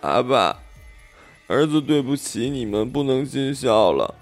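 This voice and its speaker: A gentle young man's ghost speaks softly and tenderly through a medium, as a male storyteller puts him on. His words come out slowly, and faint music sits behind him in this audiobook. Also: fairly high pitch, animated, voice pushed up. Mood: tender farewell. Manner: soft, slow and tender. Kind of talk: audiobook character voice.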